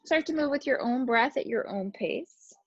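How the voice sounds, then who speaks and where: A woman instructor calmly guiding a gentle yoga class, cueing each breath and movement. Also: sits high, moderate pace, no room sound, lo-fi sound.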